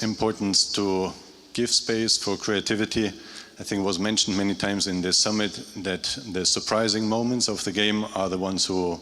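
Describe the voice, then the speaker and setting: A man giving a workshop summary at a conference, halting and pausing mid-phrase. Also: deep voice, bright, forceful tone.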